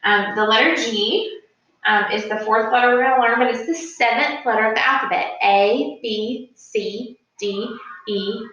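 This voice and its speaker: A woman's voice: fairly high pitch, a little fast, bright, forceful tone, muffled recording. A woman teacher giving an informal, instructional video lesson to young children. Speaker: early-grade teacher. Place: indoor room at a smartboard. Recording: very echoey room, slightly distant mic.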